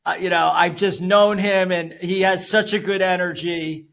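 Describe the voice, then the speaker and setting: A man's voice: high-pitched, steady tone, normal speed, gravelly, fairly bright tone. An older man hosting a podcast interview, upbeat, loose and conversational. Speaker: podcast host.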